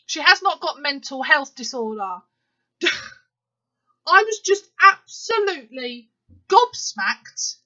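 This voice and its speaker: High-pitched and sharp, this woman in her 30s vents indignantly to the camera in a casual vlog, stressing her points and using lots of filler words. The lo-fi audio sounds slightly muffled.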